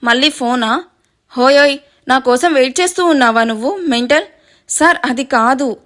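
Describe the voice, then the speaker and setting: A woman's voice: high-pitched, normal speed. A woman reading the lines of a spirited, bossy young woman who teases and lectures. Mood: teasing. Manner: lively, teasing, lecturing.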